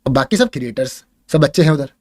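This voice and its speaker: Male streamer: fast, emphatic, casual talk. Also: medium pitch, expressive. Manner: emphatic, mixing English phrases into Hindi. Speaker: gamer streamer.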